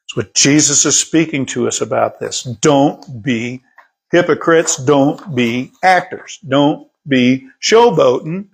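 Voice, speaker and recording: A slow, unhurried male pastor with a gravelly, husky voice, preaching in a relaxed conversational way. He is middle-aged, repeats words now and then, and reads scripture aloud between his own comments. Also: medium pitch. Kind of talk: sermon.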